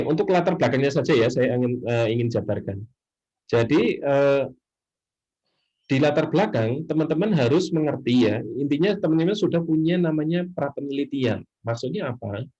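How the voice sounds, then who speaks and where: A man's voice: fairly high pitch, warm tone, breathy edge. A middle-aged man from Indonesia giving a casual university lecture, chatty and full of fillers. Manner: chatty, many fillers, often trails off with "nah, seperti itu". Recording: dull lo-fi sound.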